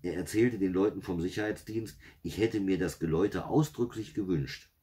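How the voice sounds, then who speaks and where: A man reading a story, voicing a nervous mother in an anxious, hushed manner. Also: sits low, moderate pace, close to an everyday voice.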